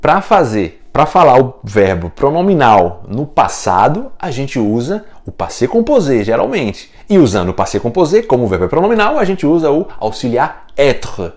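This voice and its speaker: A man's voice: medium pitch, sing-song, moderate pace, hardly any pauses, a little mellow. A Brazilian man with a Brazilian Portuguese accent, teaching a casual French lesson, explaining step by step with small jokes.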